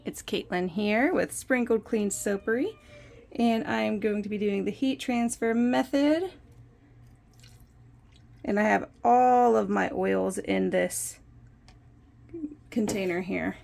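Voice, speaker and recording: A woman's voice: medium pitch, creaky, a little mellow. A young woman hosting a casual soap-making vlog, chatty and self-deprecating as she talks through each step. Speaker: soap maker and channel host. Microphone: phone propped on a windowsill.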